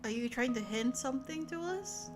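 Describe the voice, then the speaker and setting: The livestream host, a woman, chats casually with her audience in a giggly, teasing, playful way, her high voice animated and her pace normal. Soft music sits behind her voice, and the space is echoey.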